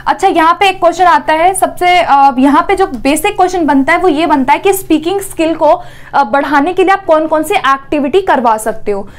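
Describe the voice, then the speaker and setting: A woman's voice: sits high, fairly quick. A woman teaching an exam-prep lesson, explaining step by step, asking questions and answering them herself, often checking in with "theek hai".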